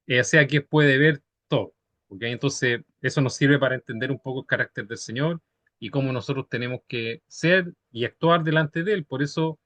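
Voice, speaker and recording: A man's voice: mid-range voice, a bit bright, no room sound. A man teaching a Bible study in a patient, conversational way, often checking in with his listeners. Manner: ends phrases with checking tags, patient and conversational.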